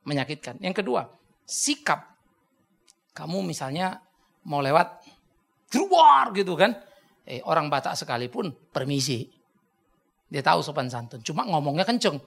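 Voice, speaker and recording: A man preaching to a congregation, joking and animated, with sudden loud booming bursts. His voice swoops widely in pitch and carries a gravelly rasp, and its tone is bright and forceful. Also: fairly quick, long pauses. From Medan, North Sumatra, Indonesia. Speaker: pastor. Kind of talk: lively sermon with questions from the congregation.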